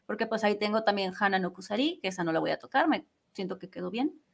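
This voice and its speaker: Interviewed live as a fandub singer, a woman chats casually and rambles a little. Her medium-pitched voice is animated and quick, with noticeable vocal fry.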